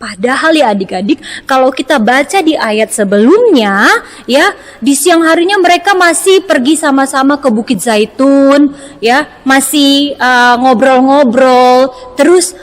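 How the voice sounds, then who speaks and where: A woman with a Medan accent, teaching Sunday school and asking the children questions in a lively way. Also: high voice, measured pace. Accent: Indonesian, from Medan. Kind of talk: children's sermon. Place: church service streamed online. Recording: roomy, long reverb.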